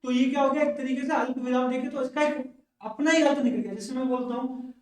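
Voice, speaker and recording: A man's voice: very high-pitched, steady tone, quick pace, a little mellow. Man lecturing in an echoey classroom. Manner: keeps asking the class rhetorical questions and adding "okay" checks. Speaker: English teacher. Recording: very echoey room, mic far off.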